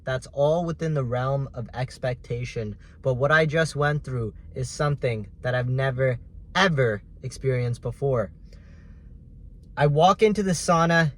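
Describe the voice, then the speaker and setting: A man telling a casual story in a vlog, animated, swinging between loud bursts and quiet asides. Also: medium pitch. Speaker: vlogger.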